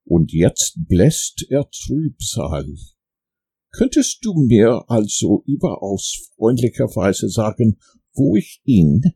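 A man voicing a humble, simple-minded teddy bear who speaks meekly and wistfully, in a gravelly voice. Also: fairly low pitch, sing-song, mellow, pitched above the performer's own voice, full character voice. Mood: earnest, puzzled. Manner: meek, slow and wistful.

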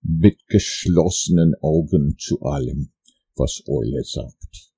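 Storybook narrator, male, deep and dark-toned, gravelly, unhurried. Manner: slow, gentle, drawn-out delivery. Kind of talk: storybook reading.

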